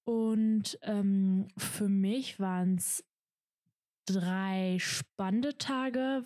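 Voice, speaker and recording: A woman of eighteen, an apprentice, speaking in a careful, halting way. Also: mid-range voice, steady tone, warm tone, no echo. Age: young adult. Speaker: apprentice guest. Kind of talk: casual chat.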